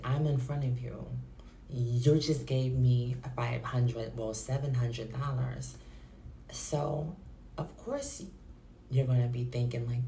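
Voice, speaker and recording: A woman with a very low, gravelly voice tells a storytime to her viewers, slow and unhurried. She chats and confides as if with friends. The recording has a roomy echo and a faint background hiss. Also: mellow. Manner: chatty, confiding, addresses viewers directly. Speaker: storytime vlogger. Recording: echoey room with faint noise.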